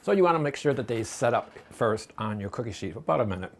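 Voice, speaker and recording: A man's voice: mid-range voice, expressive, fast talker. A man casually demonstrating a recipe in his home kitchen, chatty and folksy, rambling between steps. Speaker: home cooking vlogger.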